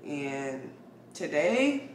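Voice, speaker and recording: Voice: medium pitch, very animated, extremely slow, gravelly, slight background noise. A young adult vlogger, slightly congested, chatting casually at home with frequent filler words. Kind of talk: casual chat. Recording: roomy home room.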